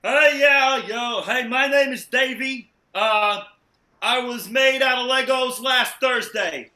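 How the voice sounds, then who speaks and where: A man's voice: very high voice, takes it slowly, sharp tone, reverberant, heavily acted. A man playing a cheerful, dim toy man built from plastic bricks, talking eagerly and rambling. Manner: eager, rambling, full of filler sounds. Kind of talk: improv comedy game.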